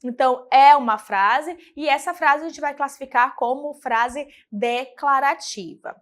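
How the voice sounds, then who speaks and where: A woman's voice: high-pitched, normal speed. A woman from Brazil, a teacher giving a recorded Portuguese lesson, who asks her students questions and answers them herself.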